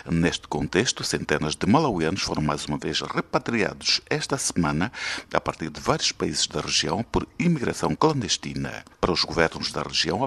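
A man reading a formal news report as a correspondent, in a measured way. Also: a bass voice, gravelly, a bit bright, husky.

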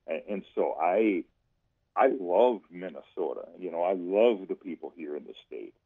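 A man talking casually about politics on the radio, haltingly, repeating himself as he thinks aloud. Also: deep voice, lively intonation. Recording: dull, muffled radio sound.

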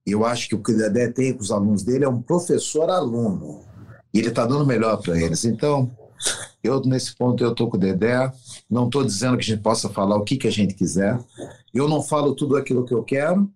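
A man's voice: mid-range voice, lively intonation, brisk, darkish tone, husky. A middle-aged man, a veteran fight coach speaking bluntly and emphatically in a casual interview. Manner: emphatic, blunt, acts out quotes.

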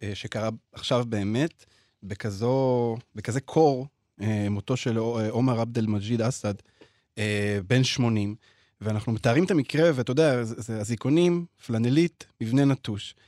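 A man discussing literature in a hesitant way, full of pauses and restarts. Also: medium pitch, darkish tone, no room sound, clean studio sound. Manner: hesitant, many fillers and restarts. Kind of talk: casual discussion.

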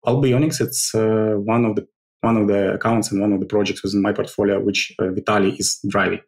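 A man answering podcast interview questions, pausing often with fillers and restarts. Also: on the low side, level tone, creaky, a little mellow. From Ukraine. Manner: halting, many fillers and restarts. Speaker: program director.

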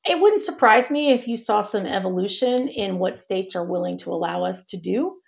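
Brief: woman exec guest, gravelly voice, dull remote audio, measured and restarting. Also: mid-range voice, animated. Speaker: healthcare executive guest. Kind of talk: interview answers.

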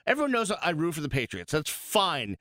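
A sports radio co-host from Boston with a somewhat high, very lively voice. He talks in emphatic bursts and quick asides. The studio mic sounds close and dry. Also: no room sound. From Boston, USA. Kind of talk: casual sports radio talk. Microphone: studio microphone.

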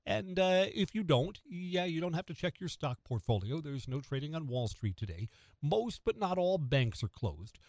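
An American man with a fairly high voice hosts morning talk radio, captured dry on a close studio microphone. He delivers a conversational opinion monologue and fires rhetorical questions directly at the listener.

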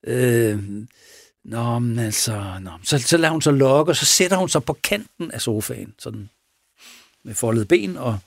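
A man who is a police officer, retelling a case in a casual interview, halting with pauses and restarts. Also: mid-range voice, animated, gravelly, no room sound, studio quality. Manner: halting, with many pauses and restarts, acts out quoted speech. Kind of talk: casual spoken storytelling in an interview.

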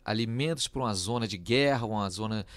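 A man hosting a news podcast, explaining in a measured way with frequent "é" fillers. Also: on the low side, a bit bright, no echo. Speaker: podcast host.

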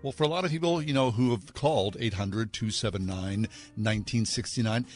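A man's voice: fairly low pitch, fairly quick. Folksy male radio host, faint music. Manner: folksy, appealing to listeners directly. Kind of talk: unscripted live radio fundraising appeal.

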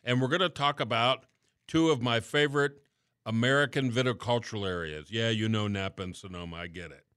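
A chatty middle-aged man hosting a radio show, his voice bright and forward. He talks casually and lets sentences fade at the ends. The sound is close and dry. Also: medium pitch, brisk, clear, resonant tone, no room sound. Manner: chatty, relaxed, trailing off at phrase ends. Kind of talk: casual radio talk and interview.

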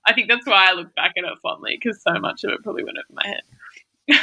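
A woman's voice: mid-range voice, brisk, bright, forceful tone. A young woman in casual chat, rambling and laughing often, with many fillers. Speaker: conversation partner.

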